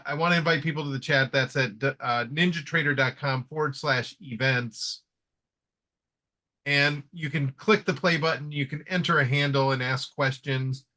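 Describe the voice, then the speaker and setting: A man's voice: mid-range voice, pushed and bright. A man hosting a live trading webinar, talking in a friendly casual way with many fillers and restarts. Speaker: webinar host.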